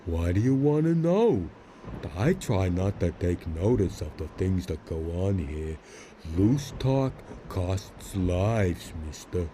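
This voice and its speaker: Hulking simple-minded cart hauler, tired, grumbling, mellow low voice, video game character, faint noise. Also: male voice, sing-song, heavily acted. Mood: guarded, simple. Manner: slow-witted, sighing, grumbling, simple. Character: big, dim, weary cart-hauling labourer.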